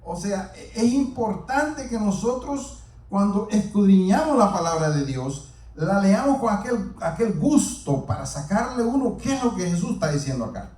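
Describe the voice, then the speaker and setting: A man's voice: high-pitched, sing-song, normal speed, darkish tone. A man preaching a sermon, speaking earnestly and repeating himself as he addresses the congregation directly. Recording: roomy echo, mic far off.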